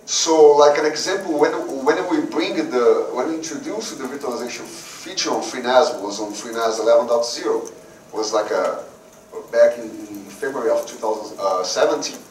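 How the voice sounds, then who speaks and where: A man from Brazil, giving a technical conference talk in a halting way, often repeating words before going on. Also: medium pitch. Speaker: conference speaker. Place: conference room. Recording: roomy hall, voice from a distance, faint noise.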